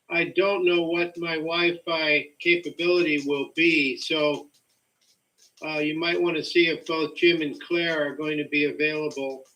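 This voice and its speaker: Man as meeting chair, crisp forward tone, slightly high, limited-fidelity audio. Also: sharp tone, muffled recording. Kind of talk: informal meeting talk.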